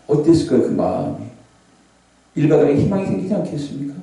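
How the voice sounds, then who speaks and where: A man preaching a revival sermon as a pastor, animated, sometimes shouting out scripture cries. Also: fairly high pitch, fast talker, creaky. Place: large prayer hall. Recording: echoey hall, voice from far off.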